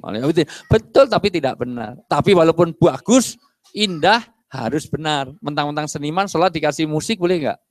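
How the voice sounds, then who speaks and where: A middle-aged male preacher, giving a lively sermon and acting out little dialogues. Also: fairly high pitch, brisk, no echo, clean studio sound. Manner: animated, acts out dialogues and jokes with the audience. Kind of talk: lively sermon to a mosque congregation.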